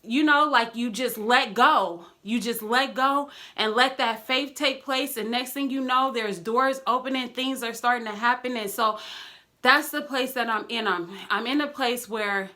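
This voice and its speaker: A young woman talking casually in a vlog, telling a story with lively acted-out quotes and encouragement. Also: fairly high pitch, a little slow. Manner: animated storytelling, acts out quoted friends. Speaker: vlogger.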